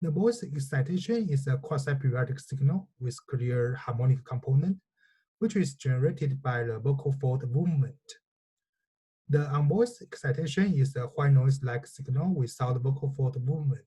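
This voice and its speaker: A man whose native language is Chinese narrates a scripted technical lecture as a researcher, methodical and formal, occasionally stumbling over words. His mid-range voice is mellow and slightly rough, animated at a normal speed. The audio is poor.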